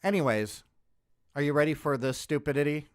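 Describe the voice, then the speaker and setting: A man's voice: fairly high pitch, brisk, clear, resonant tone, no room sound. A man hosting a stream, reacting to a video in a blunt, profane casual rant that often breaks off mid-word. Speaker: streamer host.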